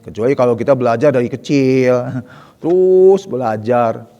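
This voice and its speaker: A man teaching Quran recitation in a relaxed way. He drills Arabic letter sounds, repeating them slowly and correcting them with chatty asides. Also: medium pitch, big-room sound, muffled recording.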